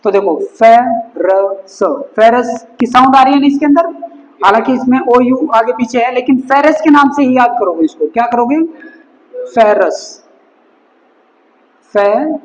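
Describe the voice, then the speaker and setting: A male chemistry teacher who gives a classroom lesson, slowly repeating each term and mixing in words. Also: very high-pitched, expressive, lo-fi sound. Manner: slow and repetitive, drills each word several times; mixes Hindi with English terms. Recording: long reverb, echoey hall.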